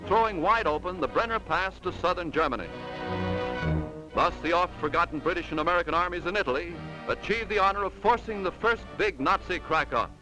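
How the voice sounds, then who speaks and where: A man's voice: high voice, low-quality recording. A man delivering old 1940s newsreel narration in a dramatic, emphatic announcer manner. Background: music score.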